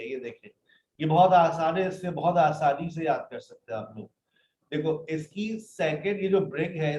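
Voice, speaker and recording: Over a computer mic in a live video class, a man with a slightly high, darkish voice patiently reads word lists to his online English students, calling them "beta". The audio is roomy and dull, with slight background noise.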